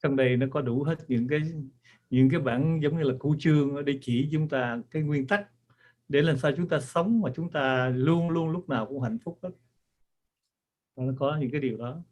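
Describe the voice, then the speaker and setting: A man's voice: fairly high pitch, normal speed, a little mellow. A man speaking earnestly to an audience as author and teacher, repeating himself for emphasis. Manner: earnest, repetitive. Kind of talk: talk to an audience.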